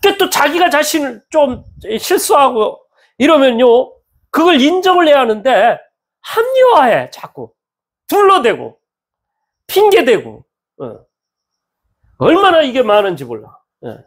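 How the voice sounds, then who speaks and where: A male pastor preaching a sermon in a church, animated and acting out the voices of people he quotes. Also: very high voice, a little slow, pauses often. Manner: animated, acts out quoted speech with lively swings in tone.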